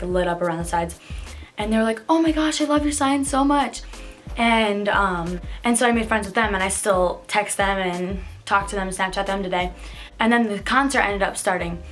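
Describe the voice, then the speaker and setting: A woman rambles through a casual storytime vlog, piling up fillers as she goes. Her voice sits at an ordinary middle pitch and leaps up excitedly whenever she acts out what friends said. Faint music plays underneath. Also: moderate pace. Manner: chatty, filler-heavy telling with many "like"s; excitable, jumps high when quoting voices. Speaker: vlogger.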